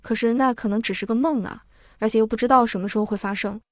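A woman's voice: on the high side, fairly even intonation, fast, dry recording, clean studio sound, natural voice. A woman voicing a loyal, doubtful young maid who questions hesitantly, in a story reading.

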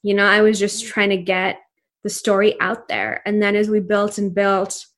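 This woman in her thirties grew up in Pakistan and is a native Urdu speaker, appearing as an entrepreneur guest in a casual interview. She talks earnestly and thoughtfully, with lots of fillers. Her voice is medium in pitch, a little bright, at a moderate pace.

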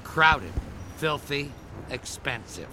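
An actor playing a cocky, excitable, wisecracking adventurer in an audio drama. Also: male voice, medium pitch, slow, a little hiss or hum, full character voice, rough recording. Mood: griping.

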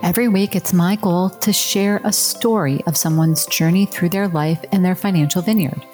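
A woman's voice: lowish voice, moderate pace, a little mellow, soft background music. A woman from the United States hosting a podcast, introducing and chatting casually with a guest. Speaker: podcast host.

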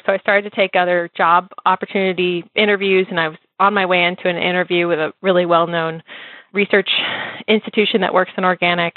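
A woman telling her story as an interview guest, animated and laughing often as she talks. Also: on the low side, no room sound. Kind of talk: casual storytelling. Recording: dry, phone-like lo-fi line.

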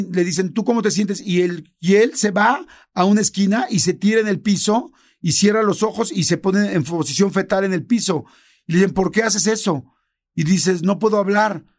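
A middle-aged man with a Mexican accent, casually telling a story on a podcast and acting out the dialogue. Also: sits high. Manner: animated, acts out quoted dialogue in many voices. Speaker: podcast co-host.

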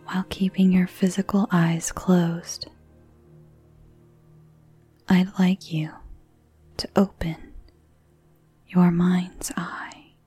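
A woman whispering a slow guided visualization story in the second person, in a soft unvoiced whisper. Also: on the low side, flat delivery, breathy edge, faint music behind.

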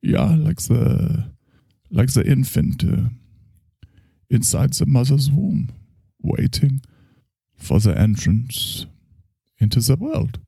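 A man voicing a gentle, solemn psychoanalyst with a slow, soothing, grandiose way of speaking. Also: mid-range voice, expressive, creaky, husky, no echo, clean studio sound, voice pushed up, full character voice. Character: gentle, solemn male German psychoanalyst, middle-aged.

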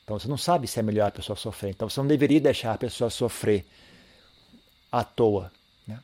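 A man gives a calm, reflective Buddhist teaching, often pausing to repeat himself and ending phrases with a questioning tag. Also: fairly low pitch. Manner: calm, reflective, tags sentences with "né?"; repeats and restarts phrases while thinking. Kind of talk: dharma talk.

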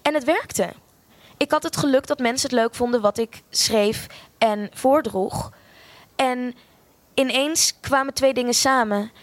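A woman's voice: a little high, unhurried, no room sound. A young woman tells a personal story in a frank, sardonic way, with self-mocking humor and free swearing.

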